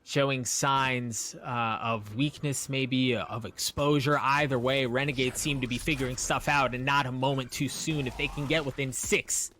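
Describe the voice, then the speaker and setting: A man's voice: mid-range voice, steady tone, moderate pace, hardly any pauses, bright, forceful tone, a little hiss or hum. A man working as an esports caster, giving live play-by-play commentary on a game as it unfolds. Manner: esports caster delivery, calling plays as they unfold.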